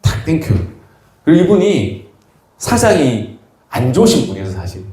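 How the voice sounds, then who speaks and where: A male pastor delivers a sermon in a church sanctuary, his pitch swinging widely as he tells teasing, humorous stories. His voice is mellow and dark, and it rings through a very echoey hall. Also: sing-song, moderate pace. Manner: humorous anecdotal storytelling, teasing the congregation.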